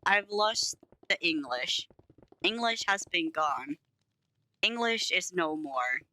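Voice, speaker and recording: Slow and lively in intonation, a young Finnish woman talks casually to her live chat while building in a game, rambling with giggles and self-teasing in lightly accented English. Her lowish voice is bright and forceful, though the audio is poor.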